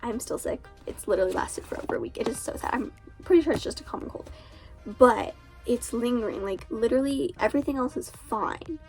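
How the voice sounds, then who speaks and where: A teenage girl with a stuffy, nasal voice from a cold chats casually as an author and booktuber, filling her speech with "like." Her voice is a little high with a darkish tone and a brisk pace, and the rough recording has faint music behind it.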